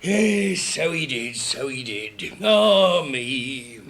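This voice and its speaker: A man's voice: a little high, lively intonation, very slow, gravelly, fairly bright tone, heavily acted. A man playing a brusque, blustering gryphon, scornful but jolly and blunt in manner, in a 1950s dramatised storybook recording. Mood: wistful, amused. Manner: blunt, chuckling, emphatic.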